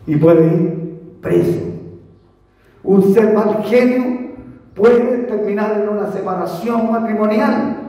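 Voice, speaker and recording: High-voiced Chilean preacher in echoey hall. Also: male voice, warm tone. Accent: Chilean Spanish. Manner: emphatic preaching with rhetorical questions and repetition. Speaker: pastor. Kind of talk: sermon. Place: church hall. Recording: echoey church hall, voice from far off.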